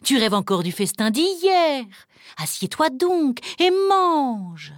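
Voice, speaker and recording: A woman's voice: medium pitch, expressive, moderate pace, no echo, clean studio sound, lightly acted. A woman voicing the giant, stern wife of an ogre, brusque and bossy.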